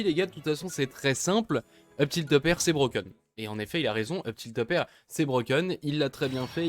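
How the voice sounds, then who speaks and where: A man commentating an esports match, lively and chatty, easily amused. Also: on the high side.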